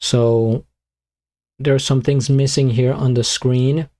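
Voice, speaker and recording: A man streaming live, chatting casually and muttering to himself as he fiddles with his streaming software. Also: medium pitch, steady tone, takes it slowly. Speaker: beatbox streamer.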